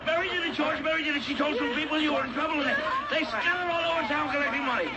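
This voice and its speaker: A man's voice: very high voice, very fast, slight background noise, exaggerated voice. A man playing a flustered, grateful elderly uncle who talks in a hurry, in an old film. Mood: overjoyed. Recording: old film audio with a loud crowd.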